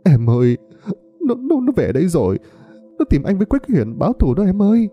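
A man's voice: sits high, wildly swooping pitch, fairly quick, dull audio, soft background music, pitched above the performer's own voice. A man voicing a terrified, guilt-ridden young man who stammers in panic.

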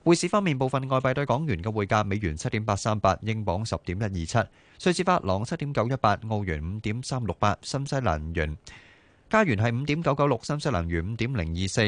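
Male Hong Kong Cantonese newsreader: low voice, lively intonation, quick precise bulletin read. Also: no echo. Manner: brisk, formal, precise. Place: radio studio.

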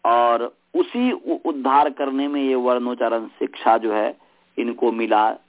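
A man teaching a group over a call, telling a story in a slow, measured way while his voice breaks up and cuts out on the line. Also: medium pitch. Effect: voice breaking up and cutting out on the call line. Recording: tinny, dropping-out phone line.

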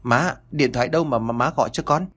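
A man voicing a gentle, dutiful young wife. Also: medium pitch, fast talker, husky, faint music behind. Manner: gentle, dutiful, forced cheer. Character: young wife hiding her unhappiness.

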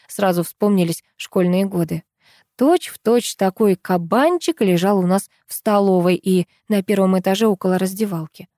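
A woman reading a first-person story aloud as an audiobook narrator, in an even, ironic storytelling manner. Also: on the low side, dry recording, studio quality.

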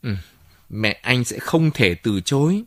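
A man's voice: medium pitch, very animated, takes it slowly, no echo, studio quality. A man playing a determined young man in love, speaking earnestly and firmly. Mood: cheerful.

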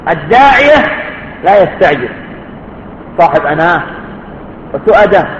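High-voiced man lecturing in echoey hall. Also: sing-song, normal speed, slight background noise. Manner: emphatic, rhetorical questions, questions students directly. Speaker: religious teacher. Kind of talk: classroom religious lecture. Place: lecture hall at a study course. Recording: echoey, dull lo-fi hall recording.

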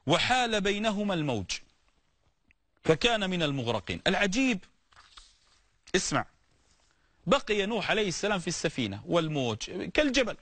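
Male preacher, lively high voice, bright tone, dry close sound. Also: a little fast, long pauses, dry recording. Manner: animated, explains word meanings with everyday examples and repeated calls to listen. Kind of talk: sermon on stories of the prophets.

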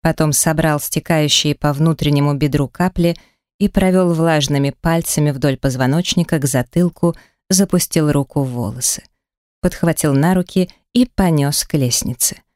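A woman's voice: low-pitched, moderate pace, darkish tone, no echo, clean studio sound. Intimate woman reading an audiobook. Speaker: audiobook narrator. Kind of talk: first-person romance audiobook narration.

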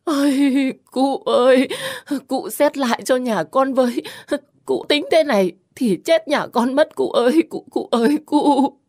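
A woman's voice: medium pitch, slow, a little mellow, slightly rough. A woman voicing a frightened, poor old peasant woman who stammers and pleads tearfully. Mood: wailing.

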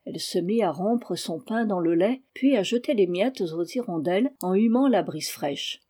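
A woman narrating a storybook chapter in a calm, measured way. Her voice is mellow and warm, with a middle pitch and an even, unhurried delivery. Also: breathy edge. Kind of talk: audiobook narration.

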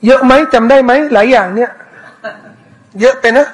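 A man teaching a commentary lesson on scripture, answering questions in a casual way, repeating words and reciting verses slowly. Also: extremely high pitch, fairly even intonation, low-quality recording. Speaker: Islamic teacher.

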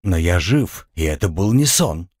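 Man voicing a calm young commander. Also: deep voice, unhurried, no echo, clean studio sound, exaggerated voice.

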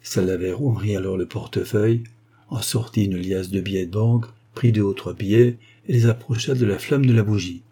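Mellow husky male audiobook narrator. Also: lowish voice, moderate pace. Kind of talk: scripted narration.

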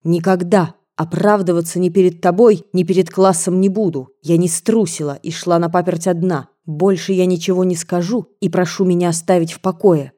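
A woman reads the part of a proud young schoolgirl princess in a storybook. She talks coldly and sharply. The voice stays low and mellow. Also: fairly even intonation, moderate pace, few pauses, natural voice. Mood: cold, angry. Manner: cold and sharp.

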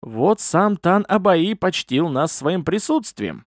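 A man voicing a mocking old security chief in an audiobook, with sly, drawn-out teasing lines. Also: high voice, sing-song, no echo, clean studio sound, pitched above the performer's own voice, heavily acted.

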